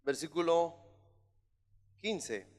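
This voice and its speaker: A man preaching a sermon as pastor, emphatic and at times shouting. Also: a little high, animated, drawn-out words. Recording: long hall reverb.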